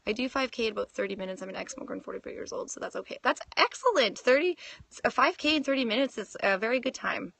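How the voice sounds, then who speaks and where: Bright, chatty woman in her thirties. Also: on the high side, expressive, fast, vocal fry, no echo. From Canada. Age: 30s. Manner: chatty, reads viewer comments aloud, laughs often. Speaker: fitness livestream host. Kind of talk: casual live Q&A. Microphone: phone.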